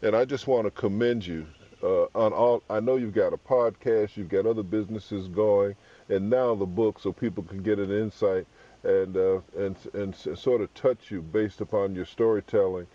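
An older man hosting a radio interview, offering a guest earnest, measured praise. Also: lowish voice, steady tone. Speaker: radio host. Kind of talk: heartfelt on-air tribute. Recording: dull lo-fi radio line.

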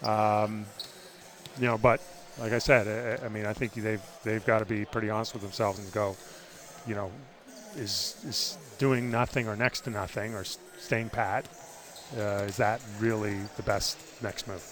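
A man analysing sport as a guest journalist. His voice is fairly low, with faint music behind it, and he speaks haltingly, working out his thoughts as he goes. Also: fairly even intonation, a bit bright. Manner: halting, thinking aloud, hedging.

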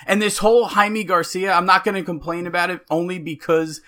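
A man's voice: high-pitched, flat delivery, brisk, bright, forceful tone. A man in his late twenties co-hosting a casual sports podcast, ranting heatedly and with emphasis, recorded at a friend's home. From United States. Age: late 20s. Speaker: podcast co-host.

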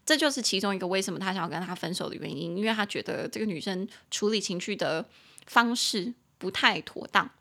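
A young woman hosting a podcast English lesson, playful and giggly, repeating and spelling English words slowly. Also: medium pitch, animated, bright, forceful tone. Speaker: English teacher and podcast host.

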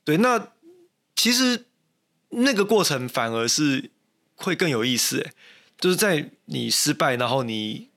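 Gravelly young Taiwanese man, thoughtful. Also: fairly high pitch, big pitch swings, measured pace, pauses often, fairly bright tone. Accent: Taiwanese Mandarin. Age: young adult. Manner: thoughtful, self-deprecating, many restarts and fillers. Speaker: mountaineer guest. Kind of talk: casual interview talk.

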